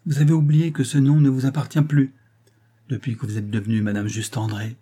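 Homme jouant un mari sévère et blessé. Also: male voice, mid-range voice, little pitch movement, fairly quick, warm tone, breathy edge, lightly acted. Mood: stern. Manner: stern, pleading, emphatic. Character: stern, wounded husband, proud and severe.

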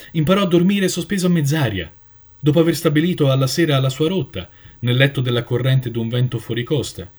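Guy reading a story aloud, expressive, audiobook feel. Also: medium pitch, husky. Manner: dramatic, varied reading.

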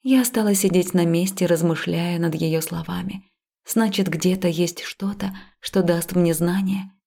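Woman reading a first-person novel, gravelly. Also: on the low side, steady tone, a little slow, dark tone. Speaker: audiobook narrator. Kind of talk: first-person scripted narration.

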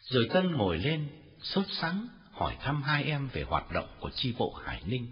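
A man narrating a novel as an audiobook in an expressive storytelling reading. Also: mid-range voice, moderate pace. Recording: dull lo-fi recording with faint music.

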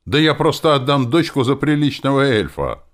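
A man's voice: mid-range voice, very animated, normal speed, voice pushed up, lightly acted. A man voicing a grumpy, stern older elf architect and father in an audiobook, blustering and formal by turns. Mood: scornful. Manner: blustering, then solemn and formal.

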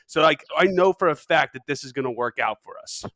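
A man's voice: fairly high pitch, expressive, fairly quick, pushed and bright, no echo. A man co-hosting a sports betting podcast, talking casually and joking around. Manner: jokey, laughing, does silly voices. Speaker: podcast co-host.

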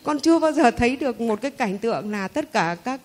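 A woman's voice: a little high, lively intonation, a little fast. Heartfelt woman. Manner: heartfelt, conversational, with hesitant fillers. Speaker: Buddhist lay follower. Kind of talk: personal spiritual testimony.

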